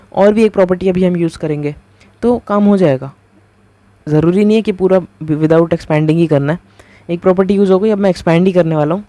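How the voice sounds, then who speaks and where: A man giving a casual math lecture, talking through each step as he writes and keeps asking the viewer quick rhetorical questions. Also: sits high, dark tone, no room sound. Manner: talks through each step while writing. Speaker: math teacher.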